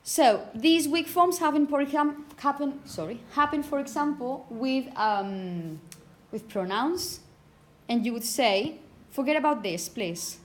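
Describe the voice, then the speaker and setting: The recording is of a phonetics lesson in an indoor classroom, echoey and noisy in the background. The woman teaching has a high voice with lively intonation and a measured pace, and she puts weight on example words and regularly checks in with her students.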